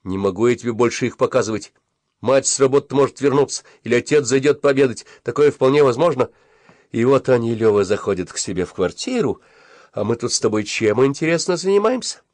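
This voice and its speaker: A man's voice: mid-range voice, expressive, no room sound, natural voice. A man doing a smug scheming schoolboy. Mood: lecturing. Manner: drawn-out, quietly important. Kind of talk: audiobook character voice.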